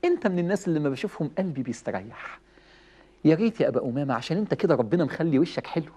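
A man with an Egyptian Arabic accent giving a lively religious talk, telling stories, chuckling and acting out quoted lines. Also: fairly high pitch, rapid-fire, slightly rough. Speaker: preacher.

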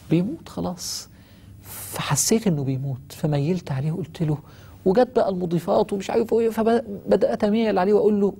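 A man's voice: sits high, gravelly, dark tone, breathy edge. A man with an Egyptian Arabic accent preaching a sermon, telling stories with feeling and rising to fervent pleading.

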